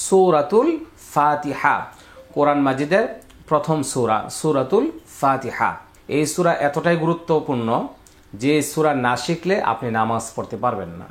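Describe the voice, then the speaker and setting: A man teaching Quran reading step by step. He spells out letters and vowel marks, then recites the words in long drawn-out chanting, and speaks directly to viewers following along. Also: on the high side, reverberant. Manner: addresses viewers directly, asks them to repeat along.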